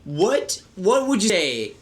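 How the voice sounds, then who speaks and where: A man's voice: high-pitched, very animated, slow. A man of about thirty, somewhat drunk, casually putting questions to a guest as host. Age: around 30. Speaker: podcast host. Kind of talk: casual conversational interviewing.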